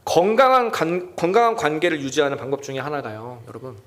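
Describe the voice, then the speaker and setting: A young adult man preaching a sermon as junior pastor at a church prayer meeting, acting out quoted lines in a loud raised voice. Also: on the high side, quick pace.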